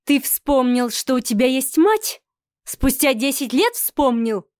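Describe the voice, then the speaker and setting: A woman reading the part of a haughty, cynical middle-aged mother in an audiobook, speaking slowly and sarcastically. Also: high-pitched, animated, a little mellow, no room sound, clean studio sound. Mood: scornful. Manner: sarcastic, slow and cutting.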